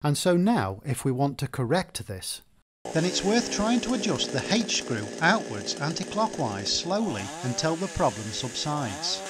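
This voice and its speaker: A man narrating a repair tutorial, explaining engine workings in a steady, methodical way. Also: a little high, measured pace, heavy background noise. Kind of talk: scripted instructional narration.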